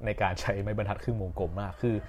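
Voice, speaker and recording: A man's voice: fairly low pitch, fairly even intonation, fast, darkish tone, slight background noise. A young man hosting a podcast, telling a personal story in a casual, rambling way with fillers and self-corrections. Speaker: podcast host.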